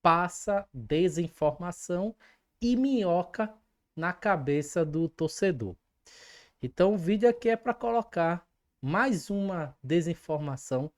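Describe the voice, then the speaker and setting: A woman with a notably deep, low voice hosts a fan commentary vlog. She talks emphatically and with clear indignation, addressing viewers directly. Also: a little mellow. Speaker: fan channel host.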